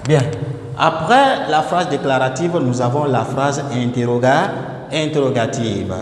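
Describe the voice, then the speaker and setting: A man teaching a grammar lesson, slowly repeating words and breaking some off mid-word. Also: mid-range voice, expressive. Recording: echoey room with long reverb and faint noise.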